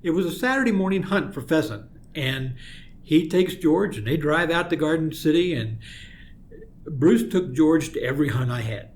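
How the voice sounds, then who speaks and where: A man, a guest in an interview, telling a long story in a relaxed way and clearing his throat often. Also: on the high side, normal speed. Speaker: guest, outdoor mentoring program leader.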